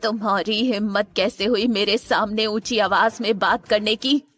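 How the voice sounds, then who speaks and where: A man's voice: sits high, steady tone, normal speed, bright, forceful tone, pitched above the performer's own voice. A man voicing a domineering old grandmother who scolds her family with contempt in an audiobook story. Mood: angry scolding. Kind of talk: audiobook character voice.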